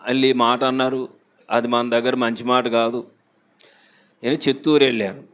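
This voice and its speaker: A pastor with a Visakhapatnam accent, preaching a sermon to a congregation in a chatty way, often putting questions to them. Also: male voice, medium pitch, little pitch movement, normal speed, fairly bright tone. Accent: Visakhapatnam Telugu. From Andhra Pradesh, India.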